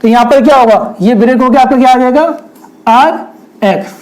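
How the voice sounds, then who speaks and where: A man's voice: very high-pitched, moderate pace, darkish tone, rough recording. A young man, giving a chemistry lecture at a whiteboard, often asking rhetorical questions and speaking directly to his students. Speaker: chemistry teacher.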